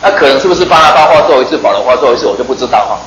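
Fast-talking preacher man. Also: medium pitch, lively intonation, reverberant, background noise. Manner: chatty, joking, asks the listeners rhetorical questions. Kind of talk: sermon.

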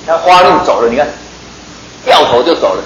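A man's voice: on the high side, animated, a little fast, echoey room, noisy background. A man preaching a sermon in a chatty, joking way, often putting questions to his listeners.

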